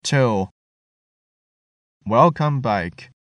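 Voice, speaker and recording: Man reading listening test sentences super slow, lively pitch, dry sound. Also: no echo. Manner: deliberate, each sentence read twice.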